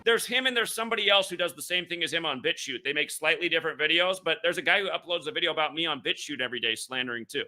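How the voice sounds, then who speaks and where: A man's voice: fairly high pitch, animated, very fast, few pauses, sharp tone. A man hosting his own betting show, talking in an aggrieved, repetitive rant that is full of profanity and stammered, repeated words. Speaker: online sports betting show host. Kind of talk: casual livestream monologue.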